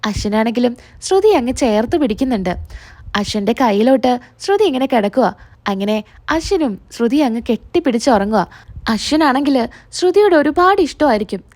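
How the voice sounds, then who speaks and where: High-voiced woman retelling a TV serial. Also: darkish tone. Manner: storytelling, chatty. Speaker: serial reviewer. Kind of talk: casual retelling of a TV serial episode.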